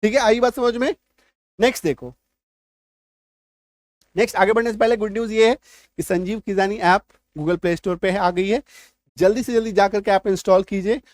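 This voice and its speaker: पुरुष अंग्रेज़ी शिक्षक, सूखी नज़दीकी आवाज़. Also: male voice, high voice, steady tone, moderate pace, long pauses, dry recording, clean studio sound. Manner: patient, repeats words, checks understanding often. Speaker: English teacher. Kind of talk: online spoken English lesson.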